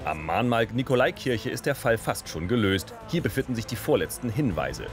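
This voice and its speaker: A man's voice: mid-range voice, big pitch swings, a little fast. A man reading the scripted narration of a TV feature report. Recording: voice-over with music bed.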